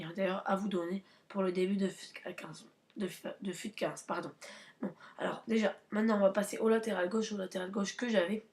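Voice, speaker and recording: A woman's voice: medium pitch, a little mellow. Woman casually going through her game squad, lots of ums, slangy and chatty. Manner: hesitant, many fillers and restarts; slangy, chatty, addresses viewers as guys. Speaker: gaming channel host. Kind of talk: casual gameplay commentary.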